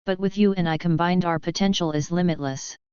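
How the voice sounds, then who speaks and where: A woman voicing a cold, commanding armored dark lord in a fan-fiction audio story, in a calm, assured manner. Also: lowish voice, brisk, clear, resonant tone, no echo, close to an everyday voice. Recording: slightly dull, dry recording.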